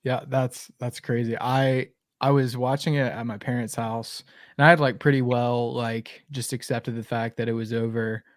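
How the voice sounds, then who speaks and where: A young man hosting a casual podcast, talking in a relaxed way with lots of fillers. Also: medium pitch, normal speed, no room sound, studio quality. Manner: relaxed, filler-heavy, friendly. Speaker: podcast host.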